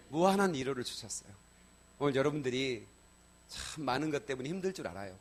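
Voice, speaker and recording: A middle-aged male pastor preaching a sermon in a church, telling personal stories in a lively colloquial way, swinging from loud exclamations to soft asides and often checking in with the congregation. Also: medium pitch, a little hiss or hum. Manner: colloquial, addresses congregation with repeated "예?". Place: church sanctuary.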